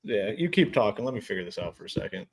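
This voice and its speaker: A slightly hoarse, fairly low-voiced man co-hosting a live stream over a remote call. His faulty mic crackles, turns choppy and keeps cutting in and out. He keeps asking whether his sound is back. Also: big pitch swings, fast talker. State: a little hoarse. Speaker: co-host of a fantasy sports stream. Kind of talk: casual live-stream chat.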